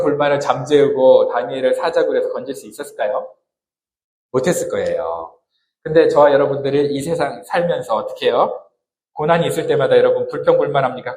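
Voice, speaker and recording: A male pastor preaching a sermon in a conversational way, often turning to the congregation with questions. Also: fairly high pitch. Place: church hall. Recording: echoey hall, amateur recording.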